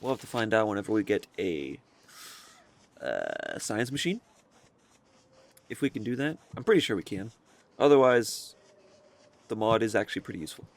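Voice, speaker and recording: A man's voice: fairly low pitch, very animated, normal speed, long pauses. A man hosting a casual let's-play, thinking aloud as he plays and often rambling and correcting himself. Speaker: gaming video host.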